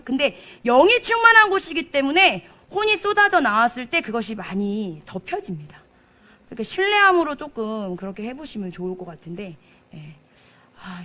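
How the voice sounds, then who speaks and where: A young adult woman pastor preaching a sermon, telling stories with animated quoted speech and frequent laughter. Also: high voice, fairly quick. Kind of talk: sermon with storytelling. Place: church service.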